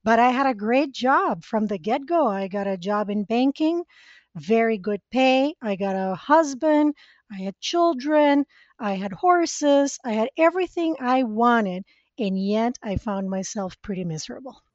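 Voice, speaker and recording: A woman from Costa Rica, speaking as a podcast guest, tells her own story in an earnest, reflective way. Her voice sits a little high. The recording is dry and dull, with a lo-fi quality. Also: lively intonation, a little slow, a little mellow, dry recording. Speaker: podcast guest, spiritual mentor. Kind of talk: conversational interview storytelling.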